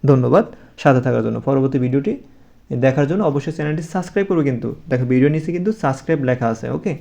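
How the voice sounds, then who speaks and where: A man's voice: mid-range voice, lively intonation, rapid-fire, gravelly, dark tone. A man giving a casual spoken English lesson to young pupils, repeating numbers patiently and often checking with "okay?".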